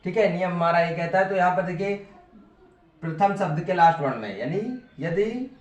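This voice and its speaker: Echoey high-voiced male teacher. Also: moderate pace, dull audio. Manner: patient, repetitive, checks in with "ठीक है". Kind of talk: classroom grammar lesson at a board. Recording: echoey room, voice from far off.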